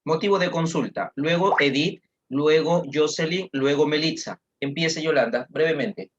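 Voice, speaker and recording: A man's voice: a little high, normal speed, lo-fi sound, a little hiss or hum. A male teacher leading an online class over a video call, calling on students and giving encouraging feedback. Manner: encouraging, calls on students by name.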